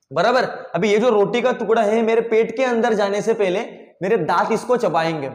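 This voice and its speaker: A young man teaching biology, explaining with everyday examples and asking the class rhetorical questions. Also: high-pitched. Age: young adult. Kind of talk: classroom lesson. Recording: echoey room with long reverb.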